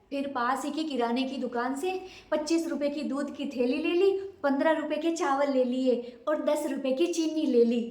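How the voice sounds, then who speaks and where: A woman's voice: sits high, a little mellow, close to an everyday voice. A woman playing a humble, grateful housemaid, echoey room. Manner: deferential, addresses employer politely. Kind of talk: home-made short drama acting.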